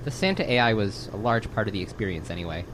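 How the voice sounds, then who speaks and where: A man plays a dry, easily exasperated software developer with a lowish voice. He speaks in a halting, pedantic way, with a clear hum of noise behind him. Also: lively intonation, close to an everyday voice. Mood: dry, explanatory.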